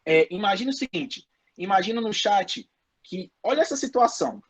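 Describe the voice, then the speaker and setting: A man's voice: high voice, animated, moderate pace, breathy edge. A man giving a casual online lecture to his students, repeating points for emphasis, with many restarts. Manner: frequent restarts and filler "é". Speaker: professor.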